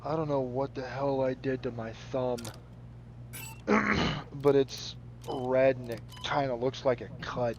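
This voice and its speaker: A man's voice: mid-range voice, slow, slight background noise. A man chatting casually while playing a game, rambling, laughing often and swearing freely. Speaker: gaming channel host. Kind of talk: casual commentary over gameplay.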